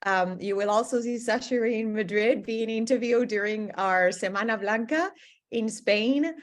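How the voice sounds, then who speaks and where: A woman hosting a virtual event over a video call, her voice of average pitch. She speaks haltingly, filling gaps with ums as she introduces her guest. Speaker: program host.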